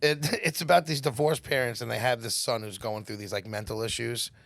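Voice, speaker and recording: A man's voice: medium pitch, fairly even intonation, brisk, creaky, fairly bright tone, dry recording. A man co-hosting a podcast, talking in a laid-back, earnest way. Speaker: podcast co-host. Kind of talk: casual podcast chat.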